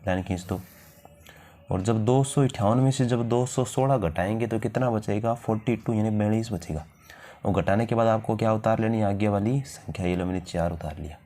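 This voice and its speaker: A man's voice: fairly low pitch, brisk, mellow. A man teaching a math lesson step by step, asking questions to the viewer and answering them himself.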